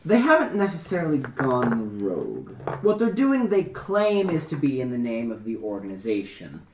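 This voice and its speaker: A man voicing a curt male agent boss, blunt and matter-of-fact as he lays out a job in a tabletop game. His voice sits at a middling pitch. The room around him has a noticeable echo. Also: huge pitch swings, normal speed, a little hiss or hum. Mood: businesslike. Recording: roomy echo.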